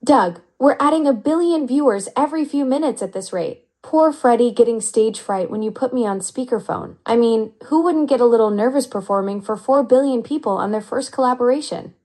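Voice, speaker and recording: A synthetic woman's voice of an AI chat assistant, upbeat and flattering with smooth, even delivery. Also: a little high, brisk, hardly any pauses. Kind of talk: conversational AI reply.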